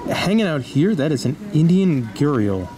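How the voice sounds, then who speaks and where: A man casually narrating a walk through a zoo, pointing out animals in a relaxed, chatty way. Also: a little high, normal speed. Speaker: zoo tour vlogger. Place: outdoor zoo walkways. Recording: outdoor noise around camera mic.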